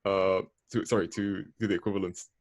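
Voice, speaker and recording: A man's voice: sits low, flat delivery, brisk, no echo. A young man speaking as a panel guest in a hesitant casual way, often restarting. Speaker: panel guest, medical student. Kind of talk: casual chat.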